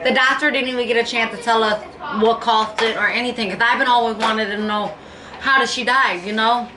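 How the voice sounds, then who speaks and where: A woman talking in a halting, tearful way and repeating herself, near tears, in a home vlog. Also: on the high side, fairly even intonation. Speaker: vlogger. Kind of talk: emotional personal vlog. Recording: echoey room with faint noise.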